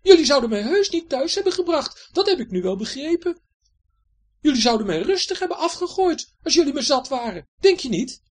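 A woman voicing a calm, teasing young woman who is obsessed with cleaning, in a storybook reading. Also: high-pitched, a little fast, pitched above the performer's own voice. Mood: scolding. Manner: cool, teasing.

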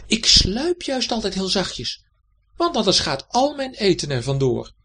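A man voicing an eager, chatty male garden cat in a children's story, with a high, excited and quick way of talking. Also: slightly rough, heavily acted.

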